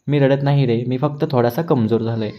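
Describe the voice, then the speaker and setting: A man voicing a quiet, weary middle-aged father who hides his grief, speaking softly and with restraint. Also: mid-range voice, fairly even intonation, brisk, dull audio, natural voice.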